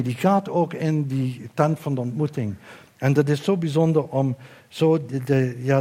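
Earnest Dutch preacher, slightly high voice. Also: male voice, warm tone. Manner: earnest, slows and lifts his voice for emphasis; reads scripture aloud. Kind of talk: sermon.

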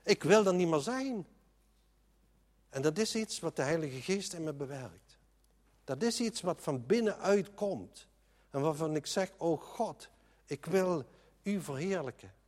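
A man's voice: fairly high pitch, animated, a little slow, long pauses, a little mellow, long reverb tail. A man preaching a sermon in an earnest, emphatic way, often restarting his sentences.

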